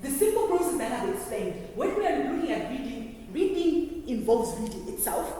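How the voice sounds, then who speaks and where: A woman giving a classroom lecture, explaining step by step and often pausing to check that students understand. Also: sits high, big pitch swings, mellow. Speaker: lecturer teaching trainee early childhood teachers. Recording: very echoey hall, distant mic, faint noise.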